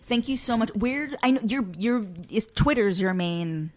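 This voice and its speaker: A woman's voice: fairly high pitch, animated, normal speed. A woman hosting a podcast, wrapping up an interview with effusive thanks and casual questions. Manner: warm, effusive wrap-up. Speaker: podcast host.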